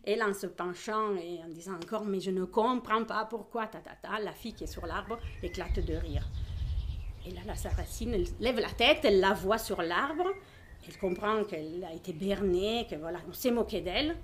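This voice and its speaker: A woman's voice: mid-range voice, normal speed, slight background noise. A woman telling a folk tale aloud in a casual, hesitant way, with many fillers and acted-out voices. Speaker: storyteller.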